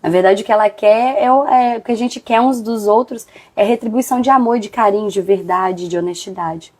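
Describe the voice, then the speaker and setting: A woman hosting a live devotional talk, chatty and animated, acting out quoted friends. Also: medium pitch, a little fast.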